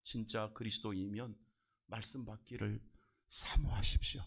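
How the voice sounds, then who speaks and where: A man's voice: mid-range voice, moderate pace, vocal fry. A male pastor preaching a sermon in a church, emphatic and repetitive, often putting questions straight to his congregation. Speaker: senior pastor. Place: church sanctuary.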